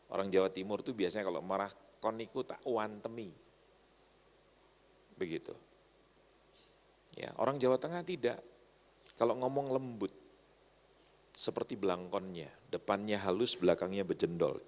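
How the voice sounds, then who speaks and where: A man preaching a humorous sermon to a congregation, often stopping to ask if they agree. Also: mid-range voice. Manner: joking, often asks the crowd to agree. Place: church hall. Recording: long church hall reverb.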